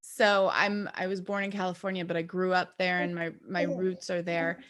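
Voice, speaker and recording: A woman's voice: fairly low pitch, level tone, moderate pace, a bit bright. A woman who grew up in Georgia, talking hesitantly as an interview guest with many likes and restarts. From Georgia, United States. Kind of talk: casual interview chat.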